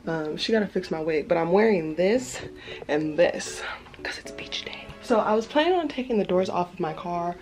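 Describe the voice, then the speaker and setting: A woman's voice: on the low side, animated, moderate pace, a little mellow, soft background music. A woman in her twenties chatting casually on a vlog, filmed on a handheld camera at arm's length, first indoors and then at the beach. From Los Angeles area, United States. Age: 20s. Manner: chatty and playful, swears casually. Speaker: vlogger. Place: house and garage, then an outdoor beach.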